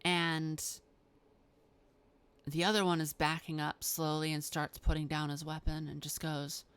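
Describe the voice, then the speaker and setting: A woman with a low, smooth voice narrates as game master of a tabletop role-playing game. She takes her time, pausing on fillers as she describes the scene. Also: level tone, a bit bright. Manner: slow, hesitant narration with fillers.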